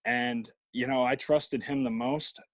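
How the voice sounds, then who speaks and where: A man's voice: mid-range voice, steady tone, measured pace, fairly bright tone, dry recording, poor audio. Young man in a dry, rambling interview. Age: young adult. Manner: rambling, lots of fillers and restarts. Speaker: guest, college baseball player. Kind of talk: casual interview.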